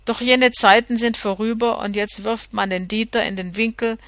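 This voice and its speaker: A woman's voice: fairly high pitch, fairly even intonation, moderate pace, no room sound. A woman voicing a half-drunk, scheming male journeyman revolutionary, mocking and threatening, in an audiobook reading. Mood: bitter. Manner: mocking and threatening, loud outbursts.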